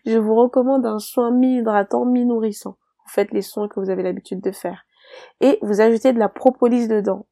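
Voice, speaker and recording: Gravelly-voiced woman giving hair advice. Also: a little high, dark tone, no echo. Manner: direct, pleading, with emphatic repeats. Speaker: hairdresser and podcast host. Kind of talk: solo podcast advice monologue.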